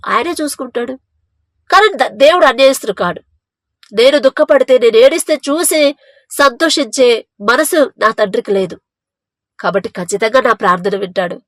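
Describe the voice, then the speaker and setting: A woman's voice: on the high side, fairly bright tone, dry recording. A woman preaching a devotional sermon with fervent, earnest storytelling, acting out the people in her story.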